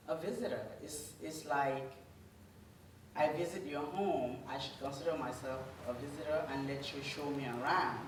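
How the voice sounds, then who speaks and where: A woman from Cameroon, speaking earnestly and at a measured pace to a church group, often pausing between phrases. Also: sits low. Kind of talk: informal talk to a church group. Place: church meeting room. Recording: roomy hall audio from a distant mic with faint noise.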